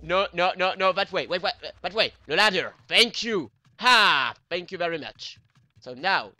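A man's voice: sits high, lively intonation, moderate pace, pushed and bright, dry recording, soft background music. A man commenting on his own gameplay as a let's play host, rambling and hesitant, talking to himself with many fillers. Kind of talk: game commentary.

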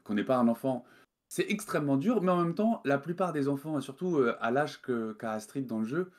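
A man's voice: medium pitch, animated, a little fast. A man from France, a game developer guest, talking casually in an interview over a video call, hesitant with many fillers and restarts.

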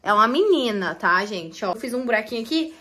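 A young mother who vlogs is filming her family indoors at home on a phone camera, chatting lively to her viewers. Her voice is a little high and fairly quick, and she keeps talking straight to the audience in a chatty family-vlog style.

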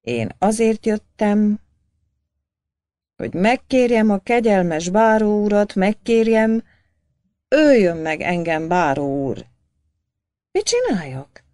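A woman's voice: mid-range voice, very animated, long pauses, no echo, clean studio sound, close to an everyday voice. A woman voicing an old male village priest, guilt-ridden and fervent, who pleads and cries out in anguish. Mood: pleading. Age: older. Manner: pleading, then shouting in anguish.

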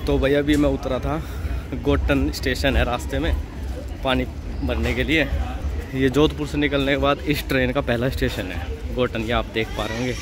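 A man's voice: mid-range voice, fairly even intonation, moderate pace, rough recording. A man in his thirties vlogging a train trip, chatting to viewers from a phone held at arm's length, on station platforms and inside the coach. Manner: chatty, addresses viewers as brother. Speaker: travel vlogger. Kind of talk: casual travel vlog. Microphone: handheld phone at arm's length. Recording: loud train and station noise.

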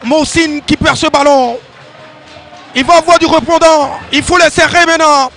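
A man giving excited live football play-by-play commentary, exclamatory and repeating phrases for emphasis. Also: very high voice, normal speed, creaky, soft background music.

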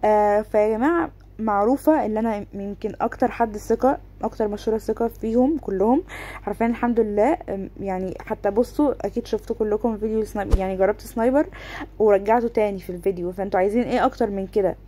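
A woman's voice: mid-range voice, warm tone, slight background noise. A woman with an Egyptian Arabic accent, speaking to her followers in a casual, defensive vlog and often checking that they follow her. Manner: rapid, defensive, keeps asking "okay?". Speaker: gaming content creator.

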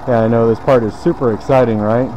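A man's voice: medium pitch, fairly even intonation, fast, mellow, a little hiss or hum, low-quality recording. A man, casually explaining a car detailing task as he works. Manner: laid-back, talks while working. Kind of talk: casual how-to demonstration. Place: detailing shop.

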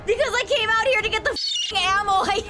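A woman livestreamer giving excitable, exclaiming game commentary with plenty of swearing. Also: very high-pitched, a little fast. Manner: animated, exclaiming and squealing. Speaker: livestreamer playing a video game. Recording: game music behind the voice. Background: game music and sounds.

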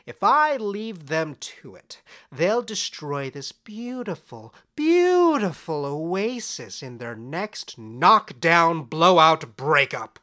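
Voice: medium pitch, a bit bright, heavily acted. An actor playing Puck's part as a scheming, flamboyant fairy, charming and smug, in a conversational audio drama. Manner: theatrical, sly, emphatic.

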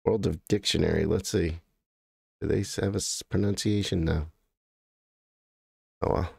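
A man's voice: deep voice, steady tone, normal speed, gravelly, a little mellow, husky, no room sound, clean studio sound. An American man hosting a livestream, rambling and correcting himself as he thinks aloud while clicking through images. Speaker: livestream host. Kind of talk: casual livestream commentary.

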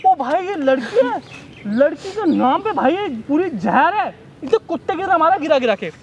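A man playing a young man who confronts and scolds a woman blackmailing his friend, in a sharp confrontational manner. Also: very high voice, big pitch swings, normal speed, highs cut off, slight background noise, exaggerated voice. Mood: scolding. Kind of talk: staged confrontation skit.

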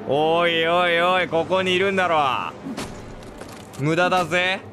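A man voicing a taunting male killer with an axe, calling out slow, drawn-out mocking threats to someone hiding. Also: fairly high pitch, background noise, natural voice. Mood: menacing.

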